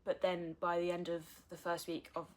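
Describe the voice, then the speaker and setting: Frank young woman, lowish voice. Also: completely flat delivery, normal speed, slight background noise. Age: early 20s. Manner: frank, earnest, with swearing. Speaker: vlogger. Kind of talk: candid personal vlog talk.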